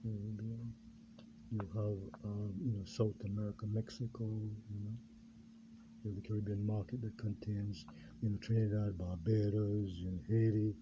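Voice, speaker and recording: A man from Jamaica, a pastor, talking in a rambling unscripted monologue, halting and full of fillers and repeated words. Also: on the low side, flat delivery. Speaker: pastor and self-styled candidate. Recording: dull lo-fi recording with clear background noise.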